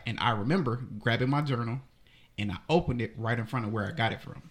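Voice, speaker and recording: A man on a podcast telling a story from his childhood in a casual, unhurried way, with lots of ums. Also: medium pitch. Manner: unhurried, hesitant with many ums. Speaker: podcast co-host.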